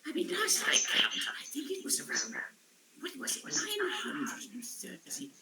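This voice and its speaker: A man's voice: extremely high pitch, huge pitch swings, a little slow, creaky, heavy background noise, pitched above the performer's own voice, full character voice. A man voicing an ancient, eccentric woodsman storyteller, grumbly, rambling and forgetful, in a tabletop role-playing game. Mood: forgetful, musing. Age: very old.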